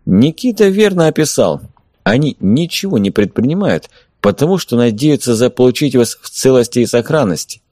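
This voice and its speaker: A man voicing a calm, sarcastic blind male stalker in an audiobook, taunting and lecturing his companions and enemies. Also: medium pitch, moderate pace, dry recording, clean studio sound, lightly acted. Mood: persuasive. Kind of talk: audiobook character voice.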